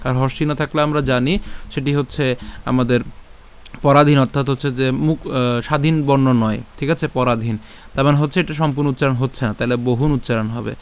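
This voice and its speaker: A man teaching a Sanskrit verse syllable by syllable. He asks questions and answers them himself, repeating each sound slowly. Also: medium pitch, fairly even intonation, smooth. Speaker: Gita recitation teacher. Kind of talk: slow syllable-by-syllable Sanskrit pronunciation lesson.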